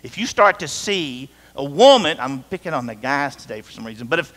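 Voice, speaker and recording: A man's voice: medium pitch, big pitch swings, fairly quick, a bit bright. A middle-aged man preaching a sermon as pastor, conversational and joking, speaking straight to his congregation. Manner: conversational, jokey, talks to the congregation directly. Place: church sanctuary. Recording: reverberant church hall.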